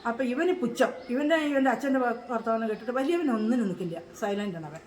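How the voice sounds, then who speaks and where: An older woman, a care home resident, telling her story in an emotional interview, halting and grieving as she repeats herself. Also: fairly high pitch, lively intonation, a little mellow.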